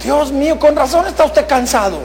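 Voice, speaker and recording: A middle-aged man preaching a sermon to a congregation, swinging from shouts to hushed asides. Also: very high voice, animated, normal speed, some chatter behind, poor audio. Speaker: pastor. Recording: faint mains hum.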